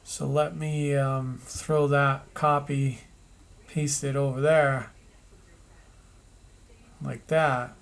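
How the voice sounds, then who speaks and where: A man narrating an animation tutorial, thinking aloud as he works, with pauses and restarts. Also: medium pitch, level tone, creaky.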